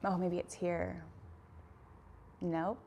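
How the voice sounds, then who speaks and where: A woman's voice: fairly low pitch, little pitch movement, very slow, warm tone, slight background noise. A woman in her thirties hosting a casual livestream, reading viewer comments and talking in an earnest, rambling way with lots of fillers. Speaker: YouTube livestream host.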